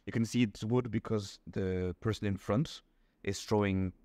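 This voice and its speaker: A young Belgian man, an interview guest, explains things in a casual chat, patient and methodical, going step by step and pausing on frequent ums. His voice is a little low, steady, and slightly mellow. He sits in a small indoor room, recorded on a camera with a dry, close sound.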